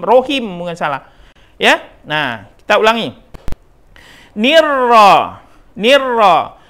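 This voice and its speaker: A man's voice: extremely high pitch, pushed and bright. A middle-aged man with an Indonesian accent teaches Quran recitation, drawing out syllables to demonstrate and repeating right and wrong forms, with frequent "nah" and "ya" checks. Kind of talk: Quran pronunciation lesson.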